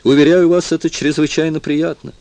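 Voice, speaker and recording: A bookish young man, wry and self-mocking, as a male narrator voices him. The voice sits low and close in a dry space. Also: animated, moderate pace, darkish tone, no room sound, lightly acted.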